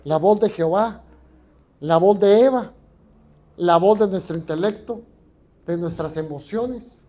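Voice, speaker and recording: A man's voice: sits high, unhurried, warm tone. A Mexican man preaching a sermon as pastor in a church, often asking the congregation questions. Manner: conversational, asks the congregation questions.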